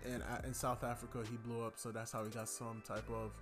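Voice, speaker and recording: A man's voice: mid-range voice, flat delivery, fairly quick, music in the background. A young man hosting a podcast, chatting loosely about an album, rambling with lots of fillers. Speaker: podcast host. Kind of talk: casual music review chat.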